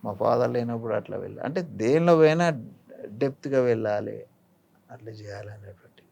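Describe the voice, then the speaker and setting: A middle-aged or older man with a Telangana Telugu accent speaks as an actor being interviewed, reflecting and offering advice. His low-leaning, darkish voice is creaky, expressive, and brisk, and he teaches in a didactic way, illustrating his points with examples.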